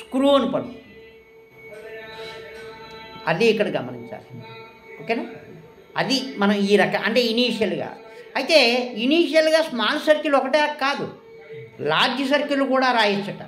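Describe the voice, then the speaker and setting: High-voiced woman teaching shorthand. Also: sing-song, normal speed, long pauses, echoey room, soft background music. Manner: quizzing, asks questions and answers them herself. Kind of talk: classroom lesson.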